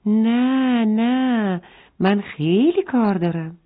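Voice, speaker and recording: A woman's voice: fairly high pitch, voice pushed up, natural voice. A woman voicing a busy little bee in a children's story who is always hurrying to work. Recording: phone-like narrow band.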